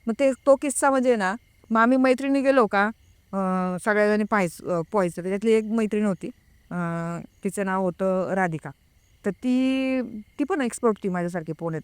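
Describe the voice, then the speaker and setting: A woman with a smooth, medium-pitched voice, recorded dry, tells a casual first-person story as a guest recounting something that happened to her. She's hesitant and often pauses to recall details, and she reenacts a friend's frightened words.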